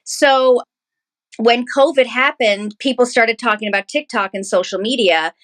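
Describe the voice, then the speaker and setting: Chatty, higher-voiced woman from Canada. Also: measured pace, a bit bright. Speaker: guest, musical theatre performer and content creator. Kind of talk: casual interview storytelling.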